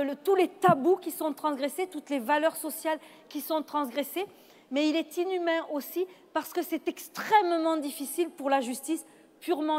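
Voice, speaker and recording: Woman moderator, high voice, measured and reflective delivery. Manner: measured, reflective, with hesitant restarts. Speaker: panel moderator. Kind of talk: moderating a panel discussion. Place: event hall. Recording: long reverb of a hall.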